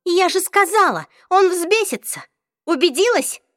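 A woman voicing an excitable young woman, speaking high and loud in an audiobook reading. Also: unhurried, no echo, clean studio sound. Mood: excited.

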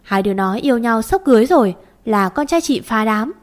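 A woman voicing a brash, quarrelsome middle-aged mother who wails and shouts. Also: a little high, expressive, brisk, natural voice. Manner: loud, wailing, coarse.

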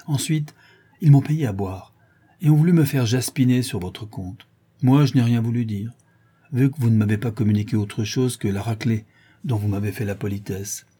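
Man doing a rough Parisian brawler, slangy, rambling, loyal, husky tone. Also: mid-range voice, moderate pace, warm tone, natural voice. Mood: confiding. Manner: street slang, rambling storytelling.

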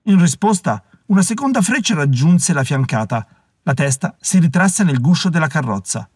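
A man reading an audiobook as the narrator, telling the story in a measured, dramatic way on a close studio mic. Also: on the high side, very animated, darkish tone, husky, no echo. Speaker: audiobook reader. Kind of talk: scripted narration.

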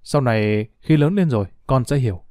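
A man's voice: mid-range voice, animated, fairly quick, warm tone, no room sound, studio quality, close to an everyday voice. A man voicing a young man who apologizes with a choked voice, in a storybook reading. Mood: earnest. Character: remorseful young man, pleading father.

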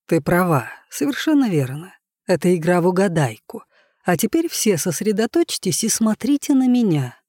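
Man as a calm patient robot, mellow, measured, dry close read. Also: sits high, dry recording. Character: patient old male household robot.

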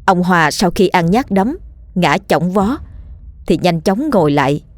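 A woman narrating a ghost story in a steady, vivid storytelling manner. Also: on the low side, measured pace, dry recording. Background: faint background music.

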